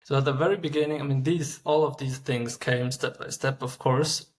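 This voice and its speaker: Guy in his 30s, founder on a podcast, pretty flat delivery, lots of ums and restarts. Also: medium pitch. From Switzerland. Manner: halting, many fillers and restarts. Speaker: startup founder guest. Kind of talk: casual interview answers.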